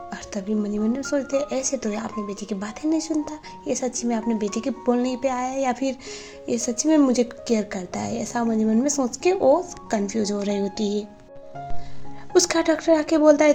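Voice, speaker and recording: A woman's voice: a little high, mellow. A woman casually recapping a drama series, retelling scenes and quoting the characters in her own voice. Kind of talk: casual recap narration with quoted dialogue.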